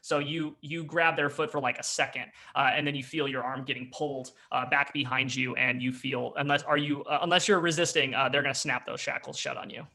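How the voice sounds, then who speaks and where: A man's voice: medium pitch, steady tone, brisk, gravelly, few pauses, sharp tone. A man running a tabletop game as game master, narrating with many fillers and restarts. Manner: hesitant, full of fillers, descriptive.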